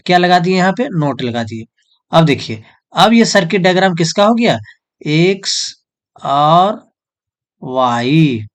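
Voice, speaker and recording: A male teacher who explains step by step, asking questions and answering them himself. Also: high-pitched. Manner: repetitive question-and-answer teaching, "jo hai so" filler. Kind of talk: whiteboard lesson.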